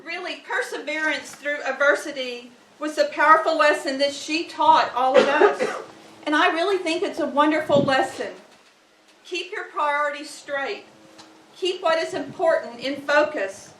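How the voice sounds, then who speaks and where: A woman reading a heartfelt funeral tribute at a graveside in measured, deliberate phrases. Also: high voice, fairly bright tone. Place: outdoor graveside, far from microphone. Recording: distant, echoey, faint background noise.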